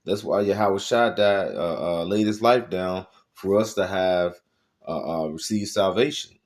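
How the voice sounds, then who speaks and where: Deep-voiced man preaching with emphasis. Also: unhurried. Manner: preachy, emphatic, punctuated with "all right"; stumbling, with many "uh" fillers. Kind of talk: scripture-reading sermon.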